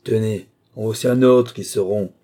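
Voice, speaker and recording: A man reading an audiobook, voicing a menacing fanatical workman who preaches doom loudly. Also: on the low side, steady tone, normal speed, close to an everyday voice.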